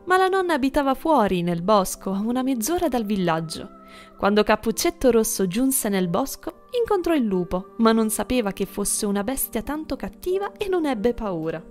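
A woman narrating an audiobook fairy tale in a gentle storytelling manner, with soft music behind. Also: fairly high pitch, very animated, moderate pace.

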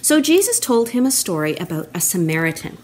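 A middle-aged woman telling a children's story for a church, expressive and animated, recorded on a laptop webcam at home. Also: lowish voice, brisk, slight background noise. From Canada. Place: wood-panelled room at home, indoors. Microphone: laptop webcam, close framing.

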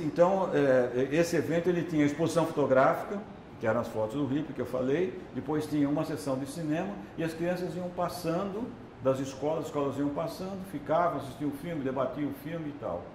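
A man's voice: fairly high pitch, darkish tone, roomy sound, a little hiss or hum. Chatty Brazilian man lecturing. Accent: Brazilian Portuguese. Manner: chatty, keeps tagging "né?" and "entendeu?". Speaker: documentary filmmaker and lecturer. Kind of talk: conversational video lecture.

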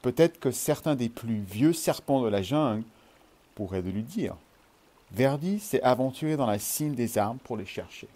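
A man reads a children's storybook aloud with an expressive, animated delivery. His voice is mellow and dark, set at a middle pitch. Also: moderate pace.

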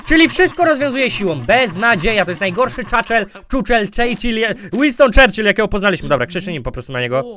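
A man giving jokey let's-play commentary, goofing around with silly name twists and sudden loud outbursts. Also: high-pitched, very animated, fast talker, hardly any pauses. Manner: goofy, jokey, mispronouncing names on purpose, bursts of loud outbursts. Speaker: gaming YouTuber.

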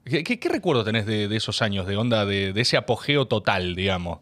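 A man from Argentina with a Rioplatense accent, hosting a casual interview in a relaxed, teasing way. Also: lowish voice, a little fast, no echo. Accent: Rioplatense Spanish. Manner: relaxed, teasing, chuckles often. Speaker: interview host. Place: studio.

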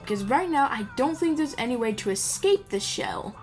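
A woman narrates her gameplay casually at normal speed, her slightly high voice full of lively intonation. She rambles in a playful way and addresses the characters directly, while video game music plays underneath.

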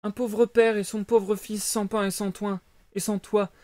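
Pantin garçon, voix d'homme, aigu, implorant, prise sèche. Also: male voice, sits high, level tone, a little slow, a little mellow, no room sound, voice pushed up. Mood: aigu, ému. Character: jeune pantin de bois, garçon naïf et ému.

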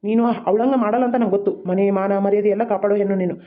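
Cartoon drama: a performer plays a hot-headed rich young man, rapid and exasperated. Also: medium pitch, fairly even intonation, phone-quality sound, natural voice. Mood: affectionate. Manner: exasperated, blunt, quick-talking. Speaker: cartoon voice actor. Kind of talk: homemade cartoon drama dialogue.

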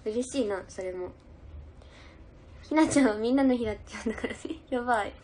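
A woman's voice: fairly high pitch, brisk, a little mellow, a little hiss or hum. A young woman idol chatting casually on a livestream, giggling as she reads out and answers viewer comments. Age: young adult.

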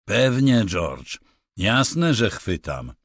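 A man voicing a slow, childlike giant of a man who talks in a simple, halting, eager way. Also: lowish voice, big pitch swings, no echo, studio quality, heavily acted.

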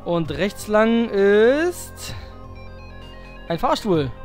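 A man's voice: sits high, big pitch swings, extremely slow, soft background music. A man giving loose, slangy gameplay commentary, cursing and muttering to himself as he plays. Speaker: let's play host.

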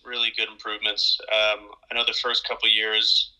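A man in his thirties, a pro ski racer, telling stories in a relaxed casual way on a home video call, often repeating words. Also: fairly low pitch, normal speed, poor audio. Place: small room at home. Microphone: video call webcam.

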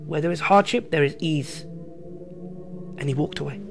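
A man, telling a personal story in casual podcast chat, animated and full of slang. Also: a little high, normal speed, creaky, faint music behind. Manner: animated, slangy, repeats himself. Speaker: podcast guest. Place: small room with a poster wall. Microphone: studio mic on a stand.

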